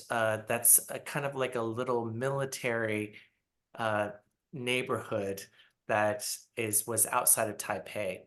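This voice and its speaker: A middle-aged man from Taiwan, answering interview questions on a video call in a reflective way with many pauses. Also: medium pitch, a bit bright. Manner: unhurried, reflective, with frequent pauses and fillers. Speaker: interview guest, ballet artistic director. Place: small apartment.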